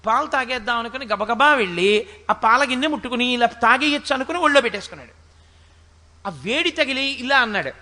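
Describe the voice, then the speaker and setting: A man giving a spiritual discourse, chanting scripture verses slowly and then explaining them in lively, conversational asides. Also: very high voice. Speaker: spiritual speaker. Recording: echoey hall with long reverb.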